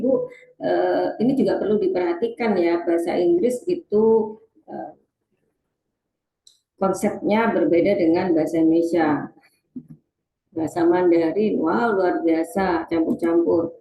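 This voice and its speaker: A woman's voice: on the low side, mellow, slight background noise. Woman presenter in a roomy echo. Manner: speaks to the audience and reads out chat replies, many fillers. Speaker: webinar presenter on teaching reading. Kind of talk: online webinar talk.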